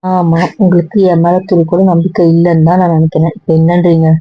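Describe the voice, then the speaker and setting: A woman's voice: lowish voice, little pitch movement, fast talker, no echo, faint music behind, natural voice. Actress as a young girlfriend, hurt, reproachful, dry sound, slightly dull, web drama. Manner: questioning, reproachful.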